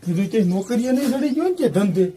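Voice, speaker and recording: Man as scheming villager, coaxing and bossy, quick talk, far from mic. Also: very high voice, lively intonation, mellow, slight background noise. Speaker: actor in a village comedy skit. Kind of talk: amateur comedy film acting.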